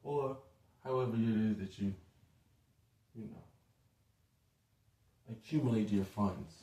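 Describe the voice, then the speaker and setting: A man's voice: fairly low pitch, a little slow, warm tone. A man giving a casual spoken lecture, talking loosely with many asides and fillers. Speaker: speaker giving a short lecture. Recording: roomy echo, distant from the mic.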